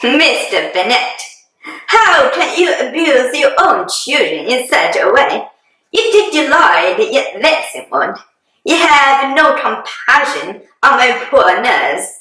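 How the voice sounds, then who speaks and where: A woman playing a fussy, excitable, self-pitying middle-aged wife and mother in a hammy, theatrical dramatic reading. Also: sits high, takes it slowly, exaggerated voice. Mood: indignant, aggrieved. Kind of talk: dramatic reading of a classic novel. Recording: very echoey room.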